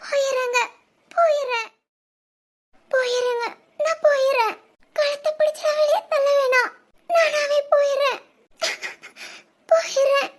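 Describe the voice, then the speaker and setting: A woman's voice: very high voice, little pitch movement, moderate pace, fairly bright tone. A woman playing a frightened young pregnant wife who stammers and hesitates in a village family drama. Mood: fearful.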